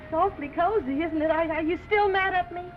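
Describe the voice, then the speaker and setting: An actress playing an excitable, evasive young woman in breathless, theatrical 1930s screwball comedy banter. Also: extremely high pitch, fast. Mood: flustered, tender. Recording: old film soundtrack, dull and noisy.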